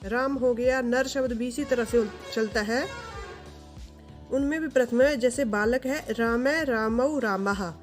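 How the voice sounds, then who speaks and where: A woman teaching a grammar lesson to viewers, reciting word forms in slow, steady lists. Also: on the high side, faint music behind.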